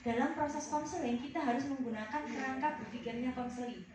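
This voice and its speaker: A woman's voice: high-pitched, a little fast. A woman leading a counseling workshop, explaining and asking the audience questions. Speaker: counseling trainer. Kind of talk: workshop lecture. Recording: echoey hall, distant mic, background noise.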